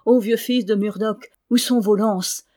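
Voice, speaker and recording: A woman's voice: medium pitch, fairly even intonation, a little slow, dark tone, close to an everyday voice. A woman reading the part of a dying old Breton lord who declaims a rousing prophecy in an audiobook. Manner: impassioned, rising declamation.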